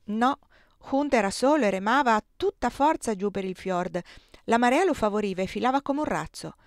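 A woman's voice: fairly high pitch, lively intonation, moderate pace, dry recording, studio quality, voice pushed up. Eager young servant boy, read by a woman.

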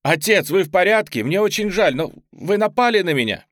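A man's voice: on the high side, sing-song, normal speed, no room sound, clean studio sound, pitched above the performer's own voice. A man voicing an anxious young female police officer, speaking urgently and with worry. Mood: alarmed. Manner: urgent, worried.

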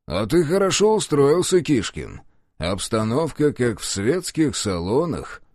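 A gruff middle-aged police chief barks and sneers with sharp scorn, as a male audiobook reader puts him on. His pitch swings widely, and the dry recording carries no room sound. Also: big pitch swings, measured pace, dry recording. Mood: mocking. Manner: gruff, scathing, shouting in anger.

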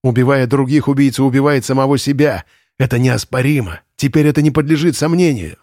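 A man voicing a desperate, unstable male camp commandant who pleads and shouts hysterically. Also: medium pitch, brisk, no echo, clean studio sound, natural voice. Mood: brooding.

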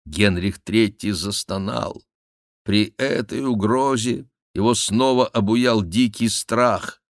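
Casting: male narrator, steady storybook reading, dry close sound. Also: on the low side, slow pace, dry recording. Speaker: audiobook narrator. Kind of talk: scripted narration.

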